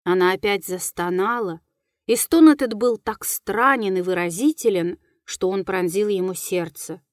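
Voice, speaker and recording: A woman narrating a classic literary story in a measured, steady audiobook reading. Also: mid-range voice, dry recording, studio quality.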